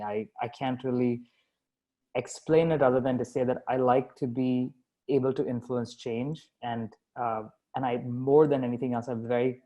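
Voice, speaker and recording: Heard through lo-fi sound, a man with a dark, mid-range voice speaks as a guest in a casual interview. He grew up in Dubai, founded and runs his company as CEO, and talks in a self-deprecating, chatty way full of fillers and restarts.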